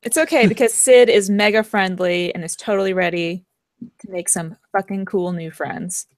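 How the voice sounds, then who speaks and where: A woman's voice: medium pitch, fairly even intonation, normal speed, dry recording, clean studio sound. A woman playing in a tabletop game, chatting with friends. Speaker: player. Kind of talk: casual chat at a tabletop game.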